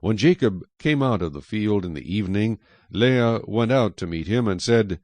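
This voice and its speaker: Here a man narrates scripture like a dramatic tale, using a lowish voice with animated, expressive intonation at a moderate speed. The recording is close and dry, with no room sound.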